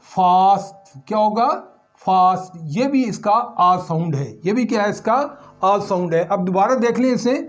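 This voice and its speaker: A man's voice: high-pitched, measured pace. A male English teacher giving a recorded lesson on pronunciation, asking questions and answering them himself while repeating the key sounds.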